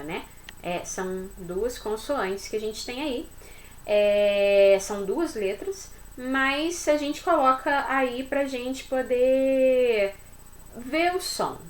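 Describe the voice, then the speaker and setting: Patient woman teaching in an echoey room. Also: mid-range voice. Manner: explains patiently, checks understanding with tag questions. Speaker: Spanish teacher. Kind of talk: online language lesson.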